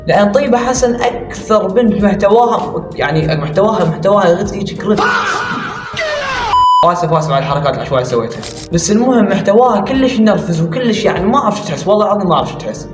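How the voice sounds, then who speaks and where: A man with an Iraqi accent giving mocking, sarcastic reaction commentary. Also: high voice. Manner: mocking, sarcastic, rapid-fire ranting. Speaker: commentary YouTuber. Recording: roomy, distant mic, music behind.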